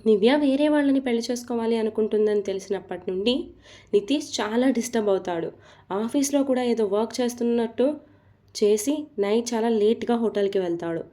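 A woman reading a serialized romance story in a steady storytelling manner. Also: fairly high pitch, a little fast. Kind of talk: scripted story narration.

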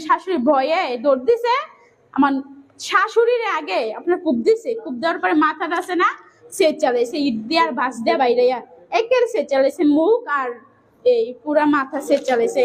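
A young woman with an urgently retelling a violent family tragedy, close to tears, quoting others as she goes. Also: very high voice. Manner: urgent, tearful retelling with quoted dialogue. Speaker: family member of victims. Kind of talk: emotional eyewitness account.

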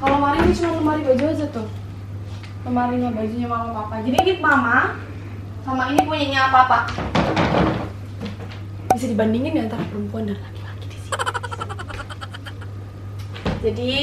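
A playful young woman with a high voice walks through her house for a vlog tour, talking briskly and informally but with long pauses. She's recorded indoors by a handheld camera mic held some distance away, so the sound is noisy and echoes off the rooms.

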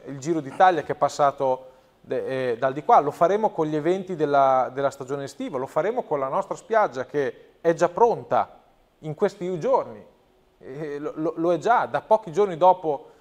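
A man's voice: on the high side, animated, moderate pace. Earnest man, emphatic with restarts. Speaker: provincial president, guest. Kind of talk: talk show interview. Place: TV studio.

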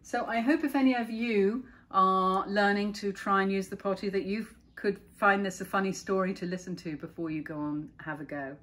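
A middle-aged woman reading a children's picture book aloud and chatting about the pictures between pages. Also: medium pitch. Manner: gentle, chatty, pauses to point out pictures.

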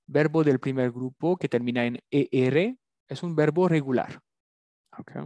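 A man teaches a language lesson, repeating each word with patient care. He talks slowly, in a fairly high voice with a gravelly edge. The sound is dry and close. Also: darkish tone, dry recording. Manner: slow, patient drilling, repeating words. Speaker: French teacher.

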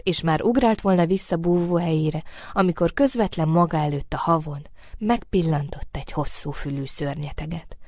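A woman reads a children's story aloud in a lowish, gentle voice, often trailing into softness at phrase ends. The studio recording is close and dry, with no room sound. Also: no echo. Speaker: narrator. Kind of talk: storybook narration.

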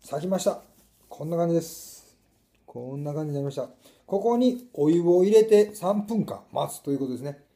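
A middle-aged food vlogger with a Kansai Japanese accent chats casually and mutters to himself as he cooks and tastes at a table in a small indoor room. His voice is fairly high, expressive, mellow and fairly quick.

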